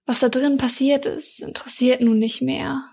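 Woman reading as a defiant young water girl, dry and weary, breathy voice. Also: high voice, steady tone, moderate pace, darkish tone, heavily acted. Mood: wry.

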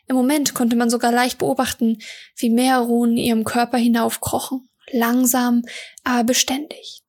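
High husky woman reading a fantasy story. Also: level tone, moderate pace, darkish tone. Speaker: narrator.

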